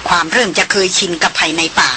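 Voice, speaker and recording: A woman narrating an adventure novel as an audiobook, reading in a measured, descriptive way. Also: fairly low pitch, sharp tone, slight background noise.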